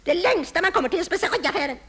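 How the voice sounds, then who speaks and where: A nagging housewife in a vintage radio comedy sketch. Her voice is very high and shrill, and she scolds endlessly in a reproachful, wounded tone. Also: lively intonation, a bit bright.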